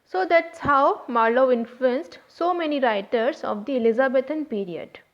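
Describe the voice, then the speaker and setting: A woman gives a literature lecture, walking through each point in turn with small fillers. Her voice sits a little high. The recording sounds dull and lo-fi. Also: normal speed. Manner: explains step by step, with fillers. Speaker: literature teacher, channel host.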